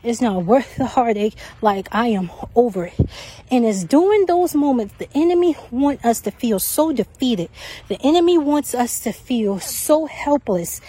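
A woman's voice: a little high, mellow, slightly rough. A woman podcast host, out of breath from walking outdoors on a track, giving casual, repetitive faith encouragement. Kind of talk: faith-based encouragement talk.

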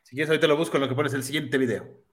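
A man's voice: mid-range voice, racing. A man co-hosting a reaction podcast, telling stories animatedly. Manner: animated storytelling. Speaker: podcast co-host. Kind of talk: casual reaction chat.

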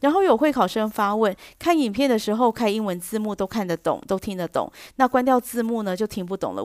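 A middle-aged woman with a Taiwanese Mandarin accent talks through an English lesson, explaining each point patiently and clearly. Her voice sits at an ordinary middle pitch. The recording is dry, with no room sound. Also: darkish tone, no room sound. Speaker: English teacher podcast host.

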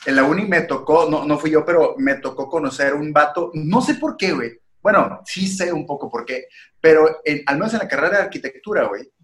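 A man's voice: fairly high pitch, brisk. A young man with a northern Mexican accent telling a long story in casual podcast chat, slangy and full of swearing. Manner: slangy, swears a lot, animated anecdote. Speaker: podcast co-host. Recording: echoey room.

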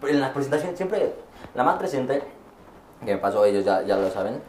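A man's voice: mid-range voice, big pitch swings, moderate pace, a little mellow, roomy sound, a little hiss or hum. A young man, a university student, chatting casually and hesitantly with lots of fillers and restarts. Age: young adult. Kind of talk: casual chat.

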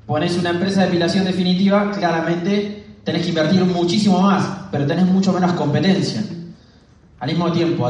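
Fast-talking Argentine man in an echoey hall. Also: high voice, a little mellow. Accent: Argentine Spanish. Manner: fast-talking, storytelling, chatty with the audience. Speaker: motivational business speaker. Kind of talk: live talk to an audience. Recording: echoey hall, mic far off.

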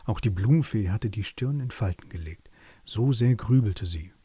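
A man narrating a bedtime story calmly and gently. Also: fairly low pitch, moderate pace, breathy edge, no echo.

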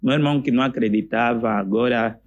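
A young man with an Angolan Portuguese accent, a comedian chatting as a podcast guest, telling stories in an animated way and jumping into high voices to quote people. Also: fast talker, highs cut off. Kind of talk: casual podcast chat.

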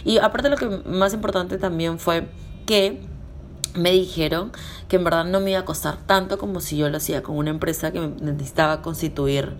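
A woman with a Peruvian accent and a hoarse, throaty, sick-sounding voice, talking casually as a podcast host sharing practical information. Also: fairly low pitch, fairly even intonation, a little fast. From Peru. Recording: clear background noise.

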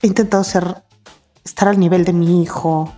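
A woman in her thirties talks as an interview guest, candid and emotional. She sounds worn out and often repeats words for emphasis. Soft music sits faintly beneath her voice. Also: lowish voice, steady tone, normal speed. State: weary. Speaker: guest, mother of two.

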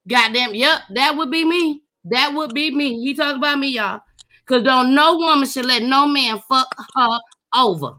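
A woman's voice: high voice, bright, forceful tone. A woman co-hosting a podcast in casual chat, blunt and emphatic, repeating points for her listeners. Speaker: podcast co-host.

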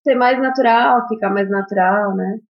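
A woman guest on a podcast, talking candidly in a casual chat, with many pauses and fillers. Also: mid-range voice, lo-fi sound.

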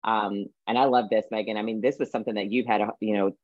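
A woman's voice: extremely low pitch, fairly even intonation, quick pace, a little mellow, no room sound, dull audio. A woman fitness coach giving blunt, tough-love advice in a casual podcast chat.

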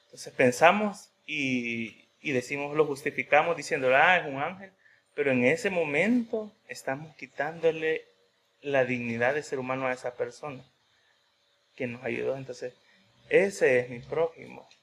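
A man's voice: mid-range voice, moderate pace, fairly bright tone. A man preaching a sermon in a conversational way, telling a personal story and often adding a questioning tag.

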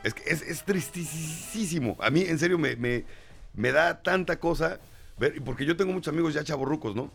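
A man's voice: fairly high pitch, normal speed, vocal fry, a bit bright, faint music behind. A middle-aged Mexican man hosting a casual radio chat, joking and reading listener messages aloud. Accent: Mexican Spanish. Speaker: radio host.

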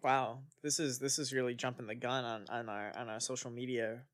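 A man guesting on a podcast, chatting casually in a relaxed, hesitant way with many fillers. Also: medium pitch, fairly quick. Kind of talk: casual chat.

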